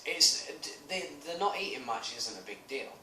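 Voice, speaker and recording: A man's voice: fairly high pitch, moderate pace, roomy sound, distant mic, slight background noise. Swearing British man in his thirties. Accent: British English. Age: 30s. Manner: animated, swearing, storytelling. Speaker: podcast co-host. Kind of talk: casual chat.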